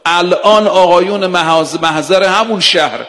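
A man preaching a religious sermon, stressing words slowly with rhetorical questions, in a hall with long reverb. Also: high-pitched, fairly bright tone. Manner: emphatic, slow, drawn-out delivery with rhetorical questions. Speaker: cleric preacher.

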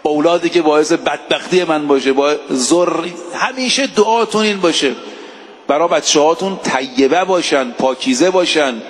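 Guy preaching a sermon, pretty high voice, drags out the scripture bits slow, big echoey hall. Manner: exhorting, slows to chant Quranic verses.

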